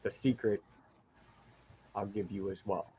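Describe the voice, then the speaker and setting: A man voicing a male dwarf who speaks in a formal, measured and guarded way. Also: fairly low pitch, level tone, warm tone, slight background noise, voice pushed down, close to an everyday voice.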